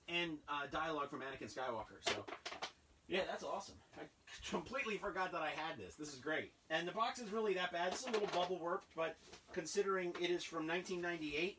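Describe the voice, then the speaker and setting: A man in his thirties chatting casually and rambling with excitement as he unboxes old toys in a cluttered basement room. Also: on the high side, far from the mic, background noise. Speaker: toy collector vlogger. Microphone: camera a few feet away.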